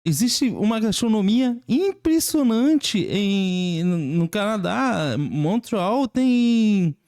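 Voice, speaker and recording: A man's voice: high-pitched, lively intonation, takes it slowly, a little mellow, no room sound. Impressed Brazilian man reacting, dry close sound. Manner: impressed, repeats himself. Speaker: reaction video host. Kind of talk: casual reaction commentary.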